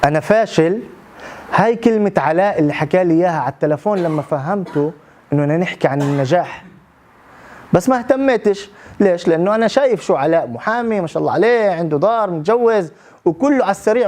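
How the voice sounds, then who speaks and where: High-voiced man telling a motivational story. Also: creaky. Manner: animated, addresses the audience directly. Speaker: public speaking trainee.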